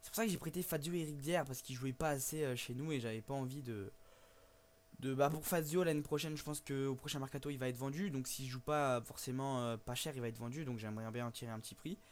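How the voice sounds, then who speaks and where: A young man giving casual, chatty let's play commentary over a football management game, hesitant with many fillers and sudden bursts of excitement. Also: mid-range voice, fast. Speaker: gaming YouTuber.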